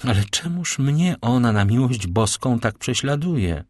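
A man's voice: mid-range voice, lively intonation, unhurried, darkish tone, no echo, studio quality, pitched above the performer's own voice. A man reading aloud and voicing a frightened, pious young noblewoman in a pleading, tremulous way.

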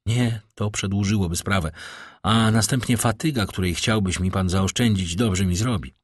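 A man's voice: lowish voice, moderate pace, breathy edge, no echo, clean studio sound. A man voicing an agitated young nobleman who speaks with urgent, shaken pleading.

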